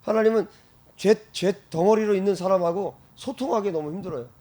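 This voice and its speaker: A male pastor preaching an animated sermon, breaking into loud shouted exclamations and frequent laughter. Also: high voice, a little fast.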